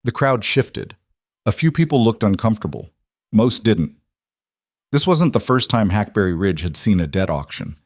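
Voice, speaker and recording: A man reading scripted narration in a steady, measured storytelling manner. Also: fairly low pitch, dry recording.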